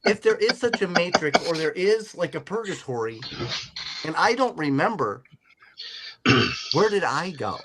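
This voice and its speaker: A man hosting a podcast, telling his own story in a casual, animated way. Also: fairly high pitch, a little slow, long pauses, heavy background noise. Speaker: podcast host. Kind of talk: casual chat.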